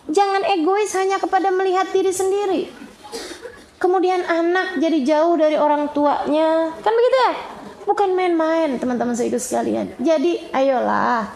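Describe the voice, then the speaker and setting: A woman preacher, animated and conversational, answering audience questions and acting out the people she quotes. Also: high voice, a little hiss or hum. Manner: animated, acts out quoted people, often addresses listeners as friends. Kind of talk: informal religious Q&A talk. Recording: roomy echo.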